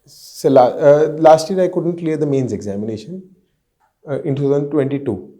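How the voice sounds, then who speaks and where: A man's voice: a little high, normal speed, warm tone. A man in his twenties with an Indian accent answering formally and a little nervously as an interview candidate, deferential and hesitant. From Haryana, India. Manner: deferential, often saying sir.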